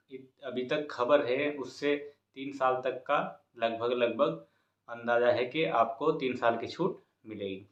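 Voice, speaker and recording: In an informal update for students, an exam coaching YouTuber and host keeps his message repetitive and encouraging. He has a fairly bright, medium-pitched voice, and the audio from the echoey room sounds dull and muffled.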